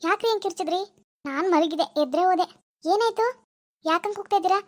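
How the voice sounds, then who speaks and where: A woman voicing a flustered young village wife in a cartoon, pleading her innocence in a very high, quick voice. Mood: pleading confused. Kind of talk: cartoon voice acting.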